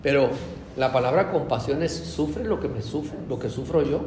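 A man preaching a sermon, emphatic and rising to loud declarations, often checking in with the congregation. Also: medium pitch, animated, moderate pace, a little hiss or hum. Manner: frequent tag questions to the congregation. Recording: echoey hall with faint ambience.

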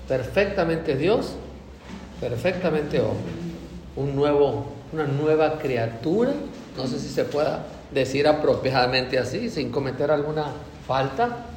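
A man preaching a sermon, emphatic and rising to loud declarations, often checking in with the congregation. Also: on the high side, slight background noise. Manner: frequent tag questions to the congregation. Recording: echoey hall with faint ambience.

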